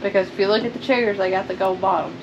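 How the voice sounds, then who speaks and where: A woman's voice: mid-range voice, fast talker, lo-fi sound. A woman in her thirties chatting casually as a vlog co-host in a plain-spoken, practical way. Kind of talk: casual chat. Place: inside a metal storage unit. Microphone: camera a few feet away. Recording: noisy ambient background.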